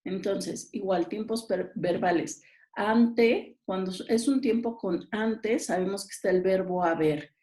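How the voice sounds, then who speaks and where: A woman's voice: mid-range voice, a little slow, darkish tone. A woman teacher patiently explains exam answers and often checks that her listeners follow. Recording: roomy echo.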